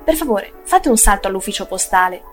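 A woman's voice: mid-range voice, big pitch swings, brisk, music in the background, natural voice. A woman voicing an exasperated male lawyer who questions his clerks in a raised, insistent voice.

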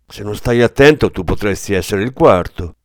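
A man voicing a grieving, menacing former policeman in an audiobook, with a hard, forceful delivery. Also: fairly low pitch, lively intonation, moderate pace, dry recording, studio quality, natural voice. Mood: threatening.

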